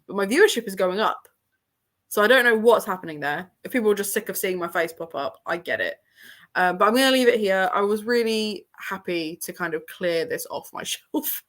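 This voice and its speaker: Hosting her book channel live from a room at her parents' home, an English-accented woman speaks in a medium-pitched, fairly bright voice. The stream is casual, and despite a sore throat she's chatty, rambling, and quick to laugh.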